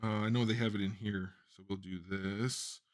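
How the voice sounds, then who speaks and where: A man hosting a casual live-stream chat, blunt and quick to laugh, thinking aloud with plenty of fillers. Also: fairly low pitch, fairly even intonation. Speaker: host.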